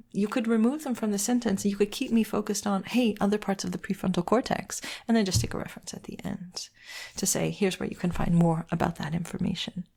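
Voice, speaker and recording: Woman teaching writing, slight vocal fry. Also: medium pitch, a little mellow. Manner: explains step by step, asking herself questions then answering. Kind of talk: walkthrough editing lesson.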